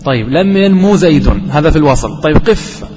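A man's voice: fairly high pitch, lively intonation, fairly quick, darkish tone, slight background noise. A man teaching a grammar class, explaining each point step by step and checking with his students through questions. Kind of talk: classroom lesson. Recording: dull lo-fi recording with long reverb in a hall.

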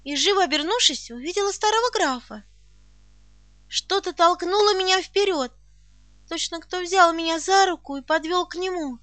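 A woman's voice: extremely high pitch, normal speed, fairly bright tone, dry recording. A woman reading an audiobook aloud, telling a first-person story expressively. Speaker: audiobook narrator. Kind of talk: scripted audiobook narration.

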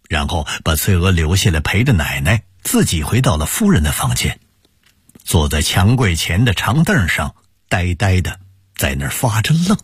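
A man narrating a story for radio in an expressive storytelling manner. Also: deep voice, husky, no echo, clean studio sound.

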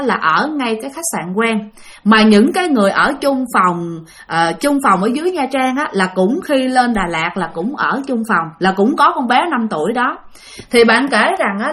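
A woman tells a spooky tale in a casual, chatty way and keeps addressing her listeners. Her voice sits on the higher side and moves through a very animated melody. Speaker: storyteller. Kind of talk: casual ghost-story narration.

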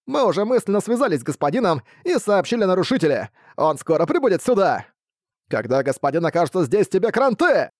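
A man voicing small cowardly bat minions in an audiobook, shrill, boastful and panicky. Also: sing-song, quick pace, a little mellow, no echo, studio quality. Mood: shrill boasting. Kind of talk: audiobook reading.

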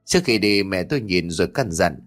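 A man's voice: sits low, lively intonation, a little fast. A man narrating a first-person ghost story with dramatic delivery. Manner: dramatic, rising to shouts in tense moments.

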